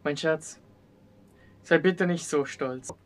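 A man's voice: a little high, takes it slowly. A man playing a persistent blind suitor, pleading and insistent, in acted short-film dialogue. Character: persistent blind male suitor, stubborn and earnest.

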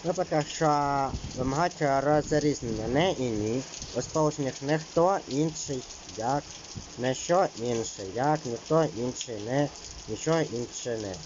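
A man's voice: medium pitch, a little slow, dull audio, noisy background. A man teaching an exam-prep lesson, reading out rules and then explaining them loosely, with many fillers.

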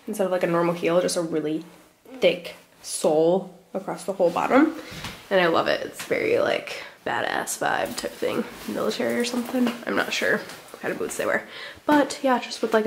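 A young woman vlogging her outfit try-on in a loose, chatty way, leaning on "like" as she goes. She sounds a little out of breath, with a voice of ordinary middle pitch for a woman. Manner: chatty, fillers like "like", upbeat. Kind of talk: casual try-on haul chat.

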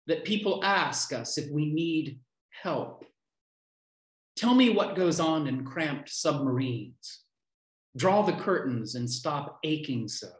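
Speaking through a computer mic on a video call, a man in his fifties gives a live reading of his own poetry from a small room at home. He declaims short lines and pauses deliberately, his voice a little high. The home audio is roomy and echoey.

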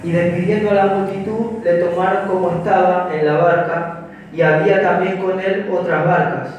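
A young man with a Paraguayan Spanish accent delivers a sermon in a high voice, pausing and restarting phrases as he explains the text. He speaks into a handheld mic at a pulpit in a small church hall, picked up from far back with heavy room echo and faint background noise. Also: fairly even intonation. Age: young adult. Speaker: preacher. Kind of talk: sermon with prayer. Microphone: handheld mic at a pulpit, filmed from far.

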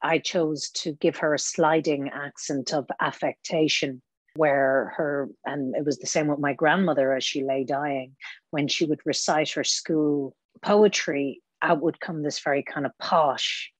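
A woman's voice: low-pitched, breathy edge, no echo. A woman actor talking as a podcast guest, reflective and searching for her words as she explains her craft. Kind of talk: conversational interview.

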